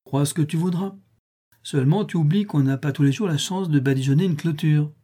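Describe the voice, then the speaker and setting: A man's voice: fairly high pitch, fairly quick, mellow, slightly rough, pitched above the performer's own voice. A man voicing a cunning boy who talks in a coaxing, mock-casual way in an audiobook reading. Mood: sly. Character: cunning boy, sly and nonchalant.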